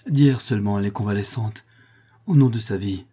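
A loyal old squire with a good heart in a storybook reading, voiced by a man. He talks in a bluff, protective way with a dark, husky tone. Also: lowish voice, a little fast. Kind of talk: audiobook character voice.

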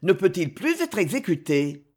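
A reader voicing a scheming court favourite in a historical novel, caressing at times and strained and urgent at others, with a lively, slightly husky voice. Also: mid-range voice, moderate pace. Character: Italian-born nobleman, scheming, tense favourite of a queen. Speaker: character in a read novel. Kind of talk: audiobook reading.

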